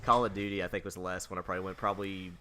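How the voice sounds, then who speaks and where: A man's voice: sits low, level tone, very fast, crowd noise. A man, a guest on a casual gaming podcast, cracking teasing jokes. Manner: joking, teasing.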